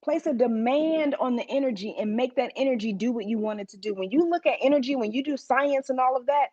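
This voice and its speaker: Casting note: woman preacher, higher voice, chatty and emphatic sermon delivery, close dry lo-fi recording. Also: fast talker, dark tone, dry recording. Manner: conversational, emphatic storytelling to a congregation.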